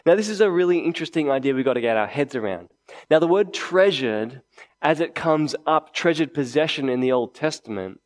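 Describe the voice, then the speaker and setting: A man delivers a sermon at a medium pitch. He talks to the congregation in a conversational way and drives key phrases home by saying them again. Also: a little mellow. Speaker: preacher. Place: indoors, church meeting before a congregation.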